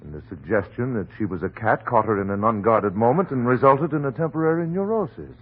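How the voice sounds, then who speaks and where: An actor playing a steady, reassuring family doctor, earnest and firm, in an old radio horror drama. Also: male voice, mid-range voice, a little fast, husky. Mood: soothing, firm. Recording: very muffled, noisy old radio recording.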